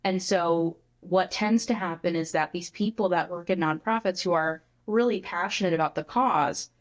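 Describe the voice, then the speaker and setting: A woman who is a guest on a podcast, explaining her ideas in an animated, casual way with many filler words. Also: fairly low pitch, normal speed. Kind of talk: conversational interview.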